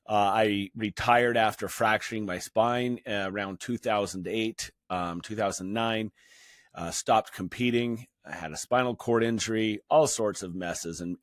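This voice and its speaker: A man's voice: mid-range voice, no room sound, studio quality. A man in his fifties hosting a fitness channel, talking earnestly and personally with frequent restarts and fillers. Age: 50s. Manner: earnest, halting with many restarts. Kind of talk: personal talk to camera.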